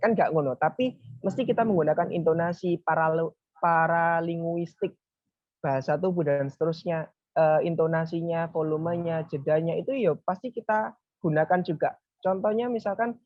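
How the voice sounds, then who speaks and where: Relaxed religious speaker. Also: medium pitch, normal speed, dry recording. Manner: relaxed, explaining step by step, often saying "nah, itu gitu"; talks to a helper advancing slides. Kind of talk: casual Friday religious talk. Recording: dull, lo-fi, dry.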